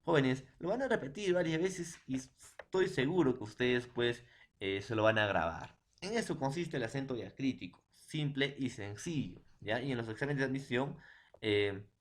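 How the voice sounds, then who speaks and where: A man's voice: mid-range voice, expressive, moderate pace. A Peruvian man teaching a school lesson online, speaking to his students often and repeating lists in a chanting way. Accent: Peruvian Spanish. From Peru. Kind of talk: classroom lesson. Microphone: online class.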